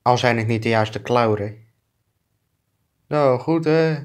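A man's voice: mid-range voice, takes it slowly, lightly acted. A man dubbing clumsy bickering neighbors. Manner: bickering, crude insults and swearing. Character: two clumsy bickering adult male neighbors. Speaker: fan dubber. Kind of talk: improvised comic fan dub.

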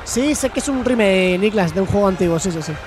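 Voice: medium pitch, expressive, quick pace, noisy background. A streamer from Spain with a Spanish accent, chatting casually while playing and answering chat, swearing and exclaiming freely. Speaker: gaming streamer. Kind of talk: casual let's-play chat with chat replies.

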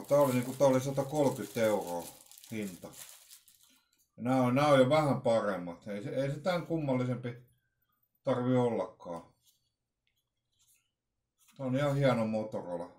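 A middle-aged vlogger presents an unboxing in a small room at home, talking unscripted, casually and hesitantly, rambling and often repeating his words. His voice is medium-pitched and darkish, and the home recording is roomy and echoey.

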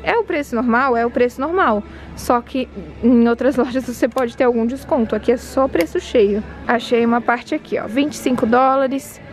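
In this casual walk-through vlog, a shopping vlogger wanders a big indoor department store, her fairly high voice a little mellow as she talks to viewers. She notes prices and markdowns and tosses in brief opinions, with faint store music behind her.

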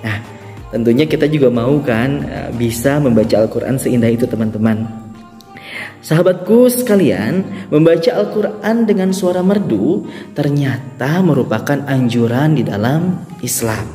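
A man teaching Quran recitation in a relaxed spoken lesson, gentle and humble, with many hesitant fillers. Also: mid-range voice, moderate pace, big-room sound, faint music behind.

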